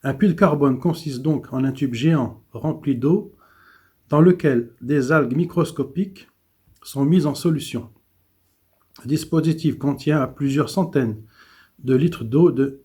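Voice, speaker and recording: A man's voice: fairly high pitch, unhurried, dark tone, husky. A man reading economic and environmental news commentary, with small stumbles and restarts.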